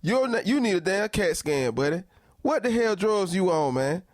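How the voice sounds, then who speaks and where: A man hosting a comedy podcast, reacting to news clips with loud, incredulous, profane commentary. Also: high voice, very animated, normal speed, dry recording, clean studio sound. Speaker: podcast host.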